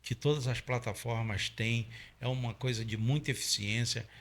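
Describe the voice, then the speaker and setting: Here a middle-aged Paraense man, an oil industry safety trainer from Pará, Brazil, walks through his explanation step by step as an interview guest, using many fillers and tag questions. He speaks at a moderate pace with a medium, fairly bright voice and fairly even intonation.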